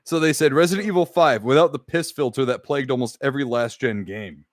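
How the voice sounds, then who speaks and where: A man's voice: mid-range voice, quick pace, dry recording, studio quality. A man co-hosting a gaming podcast, chatting casually, rambling and reading out chat comments with the odd swear word. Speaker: podcast co-host.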